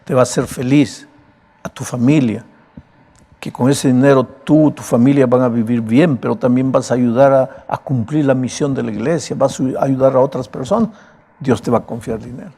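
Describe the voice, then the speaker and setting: A pastor giving a sermon, with a broken, raspy voice and an emphatic, conversational way of preaching. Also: male voice, medium pitch, normal speed, warm tone.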